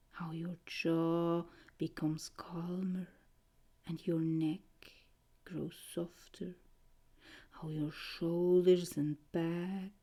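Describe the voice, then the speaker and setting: Lady doing a mesmerizing guided trance, lowish soft breathy voice, super slow, almost whispering. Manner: mesmerizing, hypnotic delivery with short, gentle phrases. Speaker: guided meditation narrator.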